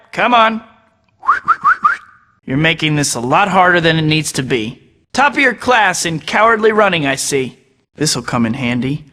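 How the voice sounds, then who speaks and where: A man's voice: on the high side, fairly bright tone. A young man voicing a quippy, upbeat superhero in a video game, firing off sarcastic one-liners. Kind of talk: game voice clips. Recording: long reverb on the game audio.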